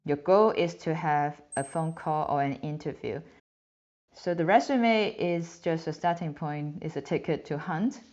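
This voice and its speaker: This career advice host has a deep, slightly mellow voice and the accent of her native Hong Kong, where she grew up speaking Cantonese; she is in her thirties. Earnest and clear, she explains her points to the camera in slightly non-native phrasing, framed mid-shot against the plain background of a small room. Faint music sits beneath slightly dull-sounding audio.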